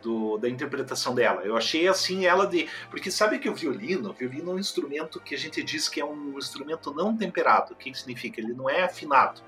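A man's voice: fairly high pitch, lively intonation, fast talker, few pauses, bright, forceful tone. A man, co-hosting a casual chat about classical music and explaining things eagerly, with many fillers and restarts. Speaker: co-host.

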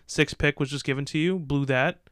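A man co-hosts a casual sports podcast, reading out draft picks and then riffing with loose, opinionated takes. His voice is a little high, with fairly even intonation, a brisk pace, and a fairly bright, clean tone. The studio sound is clean with no echo.

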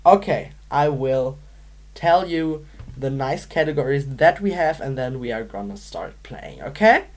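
Slow, low-voiced woman podcast co-host. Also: animated, a little mellow. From Manchester, England. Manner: giggly, playful. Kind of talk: casual game chat.

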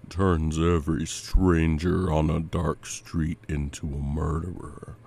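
A cold, patient demon, as a man puts him on, speaks with menacing courtesy in a very deep, dark, mellow voice. His delivery is slow and unhurried, with hardly any rise or fall. It is a scripted dramatic monologue. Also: vocal fry, slightly rough, full character voice.

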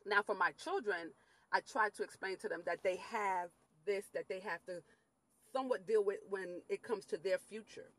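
Middle-aged woman vlog host from Latin America; candid, chatty storyteller, mid pitch. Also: moderate pace, low-quality recording. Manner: candid storytelling, animated quoted asides. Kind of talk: casual monologue.

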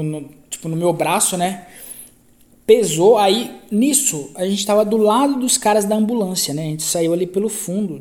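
A man with a Brazilian Portuguese accent talks through a story on his own podcast, loose and slangy. He circles back, corrects himself and repeats phrases as he goes. His voice has a soft, mellow tone. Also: a little high. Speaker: podcast host. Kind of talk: casual podcast storytelling monologue.

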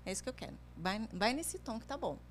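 A woman's voice: fairly high pitch, sing-song, fast. A woman career coach explaining things in a chatty way, often ending phrases with tag questions. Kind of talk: conversational advice chat.

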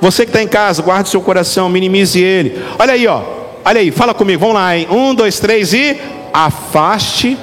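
A middle-aged man, a pastor, preaching a lively, joking sermon straight to his congregation. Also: high-pitched, quick pace, a little hiss or hum. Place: church hall. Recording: reverberant hall with faint music.

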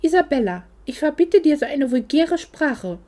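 A woman's voice: sits high, very animated, normal speed, darkish tone. A woman reading as a cold, condescending mother. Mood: cool, reproachful. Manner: curt and condescending. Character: cold, dismissive middle-aged mother.

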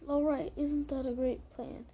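A bold young female dragon with a fierce, encouraging way of talking, as a woman reading a storybook puts her on. The voice sits high but comes across darkish and gravelly, with a narrow range. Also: level tone, moderate pace, dark tone, slight background noise. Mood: eager.

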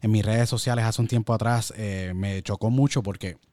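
Calm low-voiced male interviewer. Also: normal speed, dry recording, studio quality. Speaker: interviewer, radio host. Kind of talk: interview conversation.

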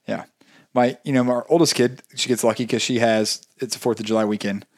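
A man hosting a laid-back podcast, chatting at a quick clip. He rambles, circles back on himself and drops jokes along the way. His voice sits in the middle of the usual range for a man. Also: mid-range voice, steady tone, darkish tone. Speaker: podcast co-host. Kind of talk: casual podcast chat.

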